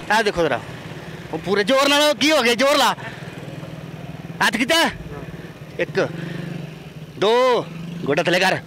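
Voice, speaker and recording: Brief: male street host, bright high voice, pushy and teasing with strangers. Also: a little hiss or hum. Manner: pushy, playful, coaxing passers-by. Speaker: comic street interviewer and prankster. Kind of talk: comedic street interview. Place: outdoors on a busy street.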